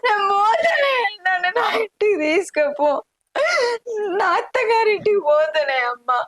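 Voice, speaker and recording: A woman's voice: high-pitched, moderate pace, a bit bright, dry recording, studio quality. A woman playing a grief-stricken young married daughter, crying and pleading with her mother in a Telangana Telugu accent. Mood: tearful pleading. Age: young adult. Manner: sobbing, pleading, reproachful.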